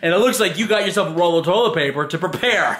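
Man, high lively voice, teasing host, reading aloud, casual banter, roomy echo. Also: quick pace. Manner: teasing, jokey. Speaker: video host reading out hate comments. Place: indoors in a home dining room. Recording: roomy, echoey home room.

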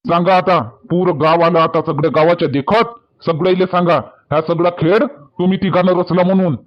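A man with a Varhadi Marathi accent acts in a rustic village comedy sketch, pleading emphatically and repeating himself. His voice sits high with fairly even intonation, and he talks fairly quickly. The sound is dull and lo-fi.

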